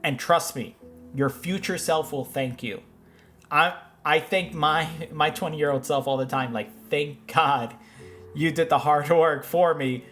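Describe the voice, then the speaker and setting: A man's voice: fairly high pitch, a little slow, fairly bright tone, faint music behind. A man in his thirties hosting a reaction show, giving loose, rambling commentary with frequent restarts. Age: 30s. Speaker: host reacting to finance videos. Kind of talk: casual commentary.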